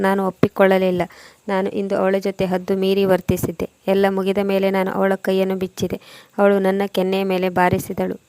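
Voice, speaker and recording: A woman storyteller reading a first-person tale in a very flat, even monotone. Her voice is dark and mellow with a gravelly fry. The sound is dry and close, with no room around it. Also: mid-range voice, dry recording.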